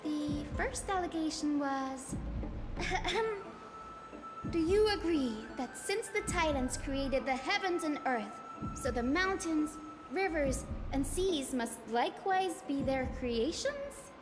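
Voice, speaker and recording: High cheerful young game heroine, animated storyteller, music underneath. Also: female voice, slow. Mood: explaining. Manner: lively storyteller mimicking quoted critics. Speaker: game character. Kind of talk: game voice acting. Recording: game audio over music, long reverb.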